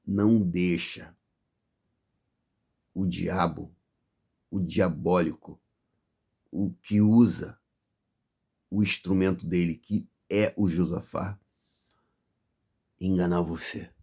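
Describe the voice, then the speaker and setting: A man's voice: deep voice, steady tone, takes it slowly, pauses often, mellow, husky. A man with a Brazilian accent preaching a fervent sermon of warning, piling up repeated phrases.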